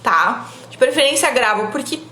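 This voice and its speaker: A woman's voice: high voice, lively intonation, moderate pace, sharp tone, roomy sound. A young woman from giving casual public speaking advice on a live stream, chatty and full of "tá?" tag questions. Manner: chatty, frequent "tá?" tag questions, laughs often.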